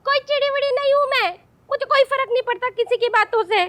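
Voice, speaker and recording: A jealous middle-aged woman who turns every slight into high drama. Her voice sits extremely high and shrill, and she swings between sulking and theatrical outrage in a broad sitcom manner. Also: fast talker, a bit bright. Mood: melodramatic. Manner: shrill, theatrical and self-pitying. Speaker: sitcom actress. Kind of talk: TV sitcom acting.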